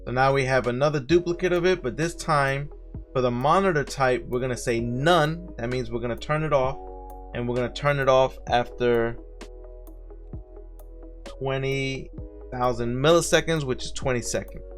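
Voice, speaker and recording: A man with a Brooklyn accent hosting a casual software tutorial, friendly and walking viewers through each step. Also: mid-range voice, normal speed, soft background music. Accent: Brooklyn New York. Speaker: streaming tutorial host.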